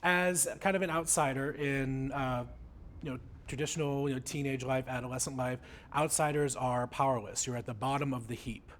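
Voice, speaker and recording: A man's voice: medium pitch, fairly even intonation, moderate pace, a bit bright, a little hiss or hum. A man in a documentary interview speaks emphatically, building his point step by step.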